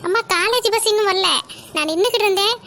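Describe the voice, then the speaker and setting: An earnest young college girl in a cartoon, voiced by a woman, pleads with her mother. Her voice is very high and bright. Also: fast talker, a little hiss or hum. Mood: pleading.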